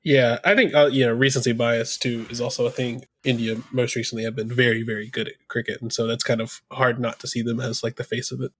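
A man's voice: mid-range voice, level tone, fast talker, hardly any pauses, fairly bright tone, slightly rough, no echo. An American man co-hosting a casual talk show, loose and joking, full of fillers and tangents. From United States. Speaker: podcast co-host. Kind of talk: casual chat.

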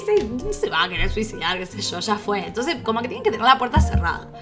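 A woman's voice: medium pitch, fast, music in the background. A young woman with a Rioplatense Spanish accent, co-hosting a casual chat, laughing often and acting out quotes. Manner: animated, laughing, acts out quotes. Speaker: podcast co-host.

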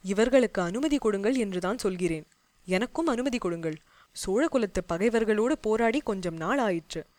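A woman voicing a bold young male warrior envoy who speaks in rapid, defiant outbursts. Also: medium pitch, lively intonation, a little mellow, dry recording, close to an everyday voice. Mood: indignant.

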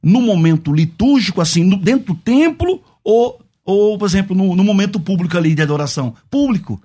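Brazilian pastor, fast and husky, insistent debater who restarts his sentences a lot. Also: sits high, lively intonation, dark tone. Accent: Brazilian Portuguese. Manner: insistent, full of "for example" restarts. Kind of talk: debate on worship.

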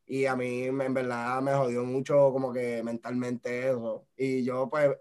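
A young man with a Puerto Rican accent hosting a casual podcast chat, relaxed and sprinkling in English words. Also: mid-range voice, unhurried, smooth. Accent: Puerto Rican Spanish. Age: young adult. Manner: relaxed, laid-back, mixes English words. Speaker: podcast host.

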